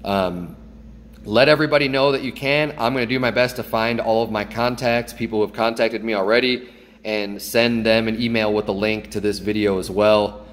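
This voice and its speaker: A man's voice: on the low side, fairly even intonation, moderate pace, in a large hall. A man in his thirties, a pastor, making an earnest, upbeat announcement into a phone held at arm's length in his kitchen. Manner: earnest, upbeat, with small restarts. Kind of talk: casual church announcement. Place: kitchen at home, indoors.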